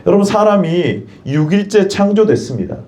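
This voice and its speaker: A man's voice: high voice, sing-song, normal speed, warm tone. A male pastor preaching a sermon in church. He poses questions and leads the congregation in repeating phrases.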